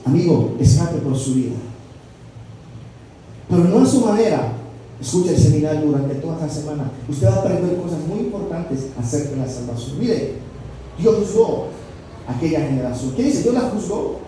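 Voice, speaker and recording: A male pastor delivers a sermon, firing questions at his congregation and pushing his voice up for emphasis. His tone is dark and mellow, set a little high for a man. He is heard from a distance in a very echoey room, with a faint hum of background noise. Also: animated, moderate pace, pauses often. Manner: preaching with rhetorical questions and sudden loud peaks.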